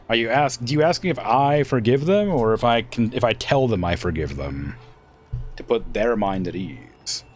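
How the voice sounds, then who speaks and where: A man giving casual, rambling gameplay commentary, thinking aloud as he plays. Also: medium pitch. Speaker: game streamer.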